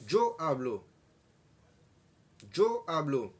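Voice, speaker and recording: Slow husky man teaching a language. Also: on the high side, very animated. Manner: repeats each phrase twice, slow and deliberate. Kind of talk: slow bilingual language lesson.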